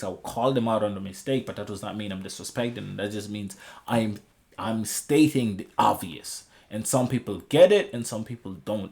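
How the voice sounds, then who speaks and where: Low-pitched man rambling casually. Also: darkish tone. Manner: repetitive, with frequent checking tags like a conversational rant; slangy, freely swearing. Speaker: video creator giving opinions on manga and music. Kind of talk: casual rambling opinion monologue to viewers.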